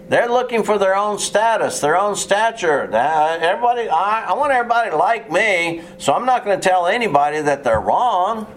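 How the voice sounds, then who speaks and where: A man's voice: sits high, a bit bright, a little hiss or hum. A man preaching a sermon in an earnest, plain way, with touches of sarcasm and frequent restarts.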